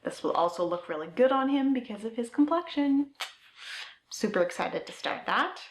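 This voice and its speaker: A woman's voice: on the high side, lively intonation, moderate pace. A woman hosting a knitting podcast, chatting casually and eagerly as she shows her things, with fillers and trailing thoughts. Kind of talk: casual show-and-tell chat. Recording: roomy echo.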